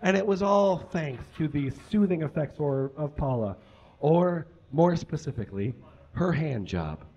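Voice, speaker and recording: A young comedy reader performs a story on a small indoor stage with curtains, delivering it in a mock-serious, theatrical way with improvised asides. His voice is on the high side and darkish, with lively intonation and an unhurried pace, recorded lo-fi by a camera several metres off.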